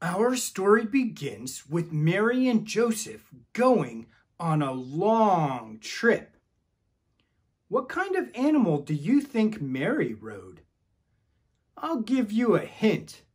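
A man's voice: high-pitched, wildly swooping pitch, slow, husky. A man leading children's ministry, telling a Bible story to kids with enthusiasm and calling on them to join in. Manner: enthusiastic, calls for the audience to join in.

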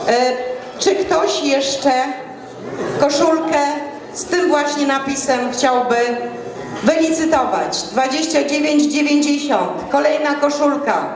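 A middle-aged woman working as a live charity auctioneer, calling bids to an audience in an emphatic, projected, repetitive way into a handheld microphone. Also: sits high. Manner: emphatic, projected delivery with repeated phrases. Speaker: host and auctioneer at a charity event. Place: indoor stage in an auditorium. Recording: echoey hall PA, music behind.

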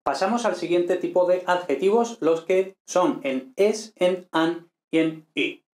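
A man's voice: high-pitched, a little slow, a little mellow, roomy sound. A man teaching an ancient Greek lesson, explaining patiently and often checking in with "¿vale?" and "¿no?". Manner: patient, repeats points with frequent "¿vale?" and "¿no?".

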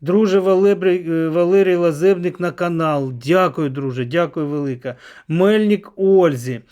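A middle-aged man hosts a political vlog, his voice pitched somewhat high. He talks slowly and stretches his words. His voice sometimes sinks to a hushed near whisper. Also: clean tone, lo-fi sound. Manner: slow, drawn-out delivery, dropping to a near whisper. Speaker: channel host. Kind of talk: political vlog commentary and donor thanks.

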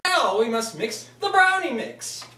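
A young man playing a zany over-the-top TV chef in a spoof cooking show, shouting sing-song exclamations in mock foreign phrases, filmed in a home kitchen on a camera a few steps away. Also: very high voice, very animated, unhurried, heavy background noise, full character voice. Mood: manic. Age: young adult. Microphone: phone camera a few steps away. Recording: echoey kitchen, camera from a distance.

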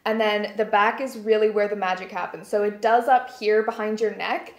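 A young woman in her twenties from Canada, a beauty vlogger, chatting enthusiastically as she shows off her gym gear from a small bright room. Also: mid-range voice, steady tone, moderate pace, echoey room. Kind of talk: casual product show-and-tell. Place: small bright bedroom studio.

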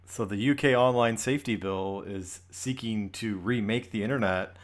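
A man's voice: on the low side, normal speed. An American man in casual podcast talk, with a dry, wry manner and easy laughter. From United States.

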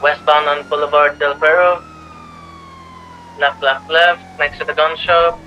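A man playing a police officer, giving rapid, clipped turn-by-turn calls during a car chase over a walkie talkie. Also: a little high, flat delivery, dull audio, slight background noise.

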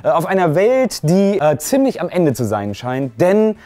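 Sarcastic male film critic, slightly high voice. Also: sing-song, unhurried, warm tone. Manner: sarcastic, ranting. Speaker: film critic, show host. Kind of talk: casual film review.

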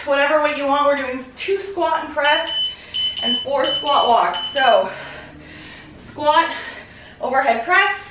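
Breathless high-voiced woman fitness instructor. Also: a bit bright, slight background noise. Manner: upbeat, counting reps aloud, encouraging. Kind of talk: workout coaching and counting reps. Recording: echoey room, voice from far off.

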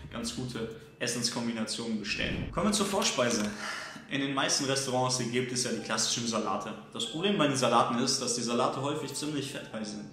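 A fitness coach talks straight to the camera, setting up each point with a question before answering it briskly. His voice sits at an ordinary middle pitch. The room around him is strongly echoey, and music plays clearly beneath his voice. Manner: brisk, structured, poses questions then answers them. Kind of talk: direct-to-camera advice video. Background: background music.

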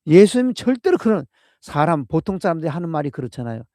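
A male pastor giving an early-morning sermon and prayer, repeating key phrases emphatically and dropping from loud proclamation to hushed whispers. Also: fairly high pitch, very animated, quick pace, no echo, studio quality.

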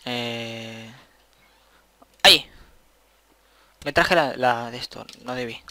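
A man's voice: mid-range voice, pushed and bright. A young man, rambling casually to himself while commenting on his gameplay and swearing at the game now and then. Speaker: gaming channel host.

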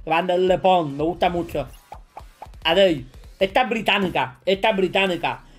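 A man with a Spain Spanish accent playing a quiz as a streamer, joking, boasting and breaking into shouts. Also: high-pitched, normal speed, faint music behind. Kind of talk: casual gaming commentary.

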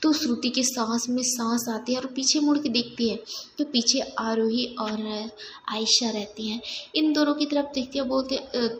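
High-voiced young woman telling a story. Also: fairly even intonation, moderate pace, echoey room, a little hiss or hum. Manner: conversational, mixes in English. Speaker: storyteller, channel host. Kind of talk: casual storytelling narration.

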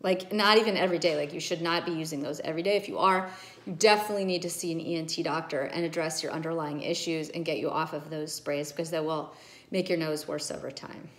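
This middle-aged ENT doctor talks fast in a low, steady voice with a fairly bright tone, explaining nose and sinus care. She's at home among bookshelves, addressing a phone camera at arm's length, earnest and emphatic and using her hands as she speaks.

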